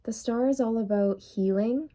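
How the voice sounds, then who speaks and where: A woman with a fairly high but dark-toned voice reads tarot casually, musing aloud without rushing and using many fillers. She mentions her voice is failing, and there's slight noise in the background.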